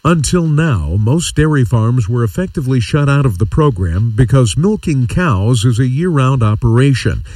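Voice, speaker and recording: A man's voice: medium pitch, animated, moderate pace, few pauses, a little mellow, no echo, studio quality, distant mic. An American man reading a scripted agricultural news report for radio.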